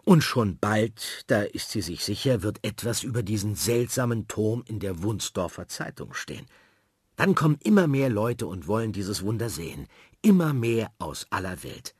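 A man reading a children's story aloud in a lively, expressive way. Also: on the low side, normal speed, slightly rough, no room sound, clean studio sound.

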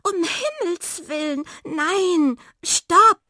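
A woman voicing a smitten young female cat who talks in high, breathless gushes. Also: animated, drawn-out words, bright, forceful tone, no echo, studio quality, exaggerated voice. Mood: lovestruck.

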